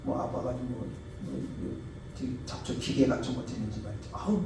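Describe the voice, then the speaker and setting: Guy preaching a sermon, loud then soft, very echoey church, mic kinda far. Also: mid-range voice, big pitch swings, moderate pace, slight background noise. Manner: tells stories, acting out quoted voices; emphatic, swings between loud and soft. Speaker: pastor. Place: church sanctuary.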